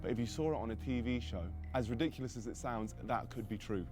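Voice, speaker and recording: A man's voice: medium pitch, fast, over music. Man teasingly grilling contestants. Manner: teasing, pressing questions. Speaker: host reacting to a game show clip. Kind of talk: interrogating contestants, casual commentary.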